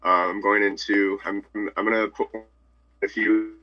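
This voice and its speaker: Man, breaking-up call audio, dull lo-fi line, low bright voice, hesitant fillers. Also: completely flat delivery, measured pace. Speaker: team member giving a project update. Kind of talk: online meeting. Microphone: video call.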